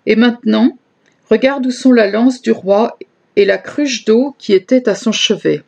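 A woman's voice: a little high, measured pace, gravelly, a little mellow. A woman voicing an earnest young male leader in a scripture reading, solemn and pleading. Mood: reproachful.

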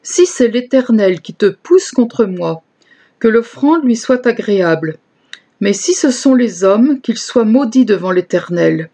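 A woman's voice: on the high side, expressive, a little slow, mellow. A woman voicing an earnest young male leader in a scripture reading, solemn and pleading.

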